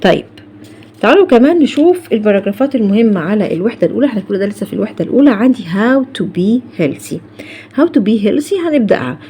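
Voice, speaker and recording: A woman's voice: mid-range voice, sing-song, fast talker, mellow, slight background noise. A woman with an Egyptian Arabic accent explaining an English lesson, who poses questions to her students and then answers them herself. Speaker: English teacher.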